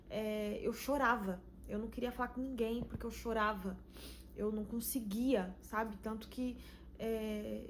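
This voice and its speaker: Earnest Brazilian woman, fairly high voice. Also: slight background noise. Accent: Brazilian Portuguese. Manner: earnest, emotional, many pauses and "sabe?" tags. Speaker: channel host giving a faith testimony. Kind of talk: personal testimony vlog.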